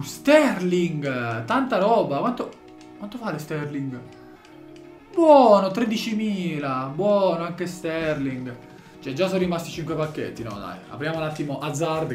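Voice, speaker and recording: A man commentating as he opens game packs, swinging from shouted excitement to low muttering. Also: roomy sound. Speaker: gaming YouTuber opening packs.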